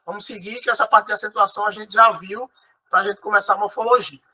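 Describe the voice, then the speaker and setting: A man's voice: sits high, fairly even intonation, fast, bright, forceful tone, low-quality recording. A Brazilian man teaching an online exam-prep lesson. He explains patiently, repeats key words and keeps checking in with his students.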